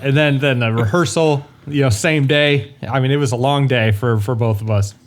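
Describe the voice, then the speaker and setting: A man co-hosting a podcast while hoarse from illness, animated and stammering in casual chat. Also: medium pitch, normal speed. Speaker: podcast co-host.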